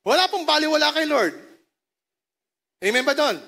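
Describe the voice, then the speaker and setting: A woman's voice: high voice, lively intonation, a bit bright. A woman pastor with a Filipino accent preaching a sermon. She mixes languages, jokes with the congregation and keeps asking them to answer. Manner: mixes languages in quick phrases. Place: church service.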